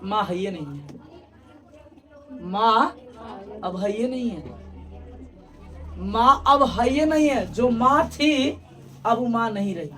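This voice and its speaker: Animated woman teacher. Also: on the high side, slow pace, pauses often, recorded from a distance. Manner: animated, addresses students directly, repeats phrases. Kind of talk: retelling a textbook story to students.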